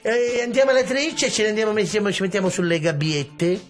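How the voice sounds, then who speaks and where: A man's voice: high voice, fairly even intonation, fast talker, lightly acted. Man playing a brash Sicilian-dialect comic woman, music behind. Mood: rambling, chatty. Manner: Sicilian dialect mixed into broken Italian, muddled words. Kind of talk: comic character improvisation in a radio interview.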